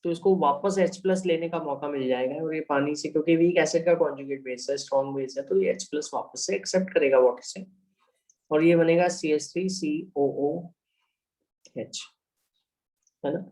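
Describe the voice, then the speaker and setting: In an online chemistry lecture, a man with an Indian accent works through equations step by step, mixing English phrases into his Hindi and checking in with students. His voice is fairly high with a darkish tone, and he speaks at a moderate pace. The recording is rough.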